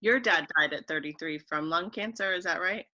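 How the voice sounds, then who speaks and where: A woman hosting a relaxed web interview show, speaking in a friendly, conversational way with the odd filler. Her voice is a little low but has a bright, forward edge. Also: fairly quick, highs cut off. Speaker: host. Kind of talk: casual interview.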